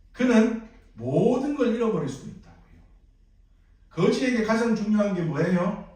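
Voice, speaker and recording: A male pastor with a Gyeongsang accent preaches in a high, lively voice and keeps putting questions to his congregation. He sounds far from the mic. The sound booms around a big echoing church sanctuary. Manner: animated, asks the congregation questions. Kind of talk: sermon.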